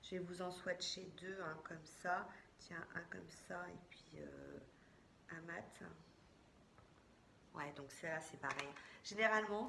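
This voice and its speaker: In a casual, friendly beauty vlog, a woman chats directly to viewers as she shows off a makeup haul. Her voice is fairly low with vocal fry, in an echoey room with faint background hiss.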